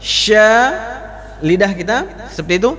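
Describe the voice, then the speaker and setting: A man's voice: high-pitched, sing-song, unhurried. A male Quran recitation teacher, giving a mosque study class and demonstrating letter sounds for his students again and again. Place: mosque hall. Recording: reverberant mosque hall.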